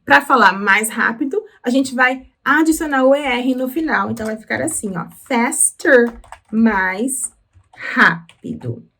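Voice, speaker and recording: A woman with a Brazilian Portuguese accent teaching English through song lyrics, explaining patiently and slowing down on words. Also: on the high side, expressive, pushed and bright. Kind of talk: explaining lyrics in a language lesson.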